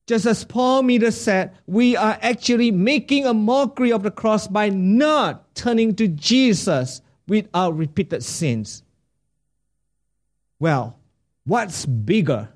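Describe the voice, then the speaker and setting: A male pastor preaching a sermon with a fairly high voice. He takes his time over every phrase, leaving room between thoughts, and puts rhetorical questions to the congregation. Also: expressive, takes it slowly.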